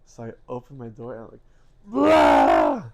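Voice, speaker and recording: A man's voice: medium pitch, flat delivery, rapid-fire, creaky, crowd noise. A man co-hosting a podcast, telling a funny story in casual chat and laughing often. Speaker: podcast co-host.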